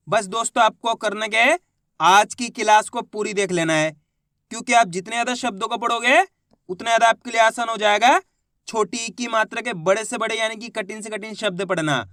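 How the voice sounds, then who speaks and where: A man's voice: high voice, a little fast, pushed and bright, no room sound, studio quality. A man teaching reading in an online lesson, sounding out words syllable by syllable and then blending them, while coaxing his viewers along as friends.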